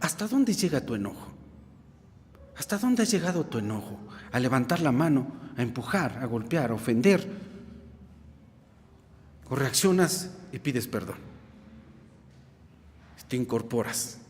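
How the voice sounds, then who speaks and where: A man with a Mexican accent preaching an evening sermon in church, animated, putting questions to the congregation. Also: mid-range voice, unhurried, pauses often, a little hiss or hum. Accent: Mexican Spanish. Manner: animated, acts out quoted dialogue, asks the congregation questions. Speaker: pastor. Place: church sanctuary. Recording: reverberant church hall.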